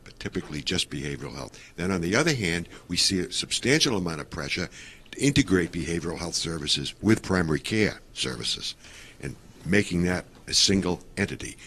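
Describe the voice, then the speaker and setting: A man's voice: low voice, lively intonation, fairly quick, fairly bright tone. An American man, a state representative, earnestly asking a question from the audience. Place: conference room.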